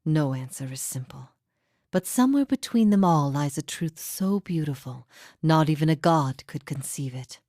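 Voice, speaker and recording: In scripted fantasy game dialogue, a grave female teacher of a lost faith, long imprisoned yet forgiving, speaks earnestly in measured, reflective phrases and poses solemn, philosophical questions. Her low voice is expressive and warm, closely dry with no room sound.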